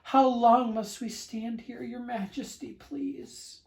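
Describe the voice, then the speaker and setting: A man's voice: very high voice, steady tone, takes it slowly, darkish tone, roomy sound, voice pushed up. A man voicing a plain little turtle from a storybook, a meek, polite and suffering subject who pleads deferentially. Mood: meek pleading.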